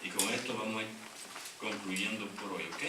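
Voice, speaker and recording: A man's voice: fairly low pitch, fairly even intonation, moderate pace, background noise. A middle-aged male pastor preaching a sermon, reading scripture aloud and calling on the congregation to answer back. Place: church sanctuary. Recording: echoey church hall from far off, congregation audible.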